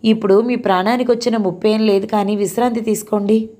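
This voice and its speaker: A woman voicing a gentle young housewife. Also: mid-range voice, steady tone, fast talker, natural voice. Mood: reassuring. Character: caring young daughter-in-law, patient and gentle.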